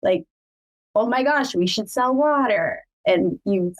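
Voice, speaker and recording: A middle-aged woman whose first language is Cebuano hosts a podcast, chatting casually about family in a proud, talkative way and laughing often. Her mid-range voice is animated yet slow-paced, and the sound is lo-fi.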